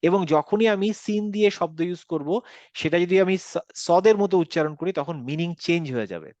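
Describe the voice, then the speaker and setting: A man's voice: fairly high pitch, a little fast, darkish tone, dry recording, highs cut off. A man with a Bangladeshi accent, teaching Quran pronunciation and explaining step by step with English words mixed in. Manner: explains step by step, mixes English words, asks checking questions. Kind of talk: online class lecture.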